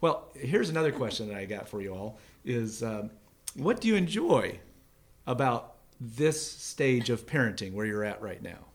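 A man's voice: medium pitch, very animated, moderate pace, slightly rough. A middle-aged man hosting a casual chat, easygoing and self-deprecating, once a middle school teacher. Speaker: host.

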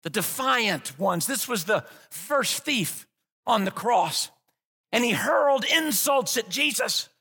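A man preaching a sermon as pastor, swinging from low hushed passages to loud shouted climaxes. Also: expressive, slow pace, vocal fry, breathy edge. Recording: long hall reverb.

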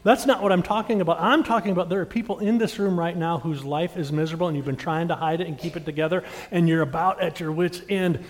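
A middle-aged male pastor with a high, bright-pitched voice delivers a sermon, putting questions straight to the congregation. He swells to loud emphatic peaks, then drops to near-quiet confiding passages. The sound rings with the long reverb of a large hall. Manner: dynamic, swings from loud emphatic lines to hushed intimate ones; talks directly to the congregation with questions.

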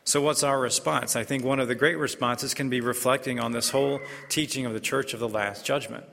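A male priest preaches and reads in a large, cathedral-like echo, with long reverb trailing his words. His voice is bright and forceful at a middle pitch, and his delivery is deliberate and measured. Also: steady tone, gravelly, slight background noise. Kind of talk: Gospel reading and homily. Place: large church interior. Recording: echoey church with long reverb.

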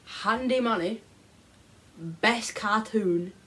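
A woman's voice: mid-range voice, drawn-out words, a bit bright, slight background noise. Giggly young woman. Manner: giggly, teasing. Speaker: podcast co-host. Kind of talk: casual banter.

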